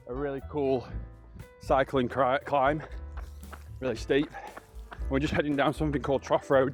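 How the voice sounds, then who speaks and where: A man talking casually while running outdoors on a country road, as a vlog host. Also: mid-range voice.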